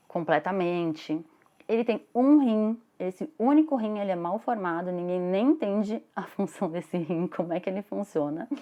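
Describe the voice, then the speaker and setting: A woman lecturing, animated, rising high when she tells stories. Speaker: instructor.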